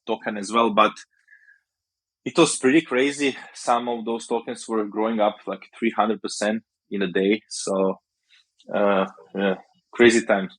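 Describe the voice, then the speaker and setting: A man's voice: on the low side, fairly even intonation, a little slow, fairly bright tone, low-quality recording. A man from Croatia, a startup founder talking as a guest on a podcast, loose and storytelling with many "uh"s and "you know"s. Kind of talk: casual podcast interview.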